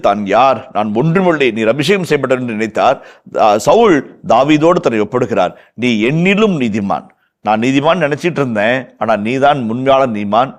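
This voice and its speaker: Tamil-accented male priest, verse-by-verse Bible teaching, fervent and repetitive for emphasis. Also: medium pitch. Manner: impassioned, repeats phrases for emphasis, acts out quoted lines. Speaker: priest explaining scripture.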